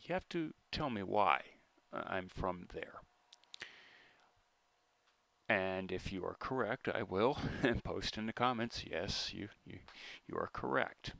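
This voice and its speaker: A man with a General American accent, giving a deliberate, argumentative monologue to camera with pauses and restarts. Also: fairly low pitch, vocal fry, pushed and bright, no room sound. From United States. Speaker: vlogger.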